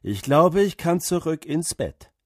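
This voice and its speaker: A man voicing a loving farmer father who speaks warmly and with emotion, in a husky voice. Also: on the high side, big pitch swings, measured pace, no room sound, studio quality, voice pushed up. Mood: moved.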